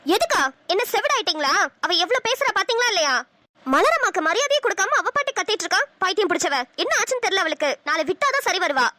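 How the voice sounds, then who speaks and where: Woman doing a high excitable young wife. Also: fast talker, dry recording, studio quality, exaggerated voice. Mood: indignant. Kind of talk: cartoon voice acting.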